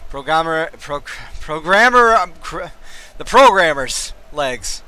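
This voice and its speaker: A man commentating a streamed football match, sleepy and given to yawning yet still joking and rambling between plays. His voice is bright, forceful and smooth, and sits a little on the high side. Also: lively intonation, takes it slowly. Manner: jokey, rambling asides, laughs often.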